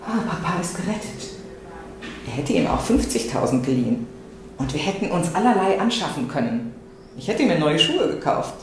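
A woman giving a first-person literary reading, with an expressive delivery that swings between anxious and defiant. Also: sits low, normal speed, a little hiss or hum. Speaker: reader. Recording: very echoey room, faint ambience.

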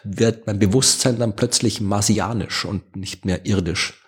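A man's voice: fairly low pitch, fairly even intonation, unhurried, husky. A man with an Austrian accent co-hosting a podcast in casual chat, sarcastic and chatty, laughing often. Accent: Austrian German. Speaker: podcast co-host.

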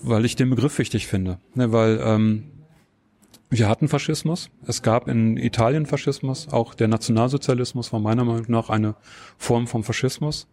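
A man's voice: mid-range voice, steady tone, moderate pace, dark tone, no room sound. Hesitant man explaining at length. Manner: hesitant, many filler sounds and tag questions. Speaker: interview guest. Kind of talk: explanatory interview answers.

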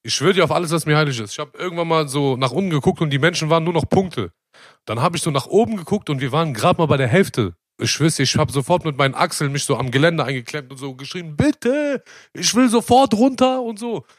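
A man co-hosting a casual chat, telling a story quickly and with laughter. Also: on the high side, no room sound, studio quality. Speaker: podcast co-host.

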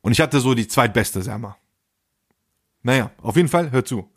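Husky-voiced man telling a story. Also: mid-range voice, moderate pace. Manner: animated, crude street slang, acts out quoted lines. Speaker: podcast host. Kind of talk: casual comedic storytelling.

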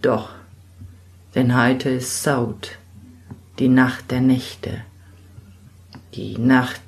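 A woman reading a melancholy enchanted young knight in a fairy tale, gentle and sorrowful, often half-whispered. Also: a bass voice. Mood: solemn. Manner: gentle and sorrowful, softly spoken.

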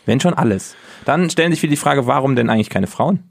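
A man's voice: medium pitch, animated, fast, gravelly, no room sound. Casual man fumbling names, dry sound. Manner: casual, stumbling over names. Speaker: podcast co-host. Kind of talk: casual sports chat.

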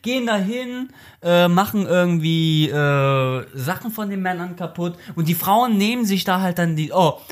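A woman with a fairly low voice that still swings widely in pitch. She chats casually and drops in blunt, teasing quips and jokes. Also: lively intonation, normal speed. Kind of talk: casual chat.

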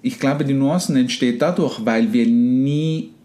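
A man's voice: mid-range voice, measured pace. Male host, conversational explainer, acts out thoughts. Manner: animated, acts out inner voices and quotes.

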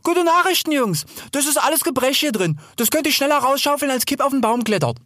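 A bright, high-voiced young wild sow bubbles along, teasing and chatty, as a man puts her on. Her voice leaps all over the place. The reading is dry and close, with no room around it. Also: big pitch swings, a little fast, dry recording, exaggerated voice.

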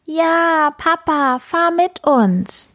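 A woman voicing a small, anxious young tomcat kitten in a children's storybook, with a high, plaintive voice that often calls out. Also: sing-song, slow pace, full character voice. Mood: calling out.

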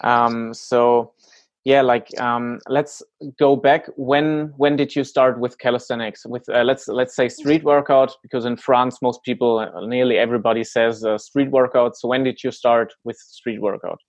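A man's voice: medium pitch, steady tone, moderate pace. A man hosting a casual interview, putting questions to his guest in a conversational way. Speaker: interviewer, host. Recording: roomy, slightly muffled lo-fi sound.

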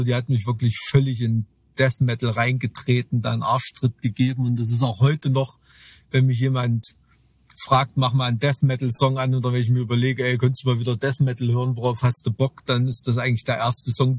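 Husky man, dry close sound, rambling podcast co-host full of restarts. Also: medium pitch, dry recording. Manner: rambling, many restarts, tag questions. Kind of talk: casual chat.

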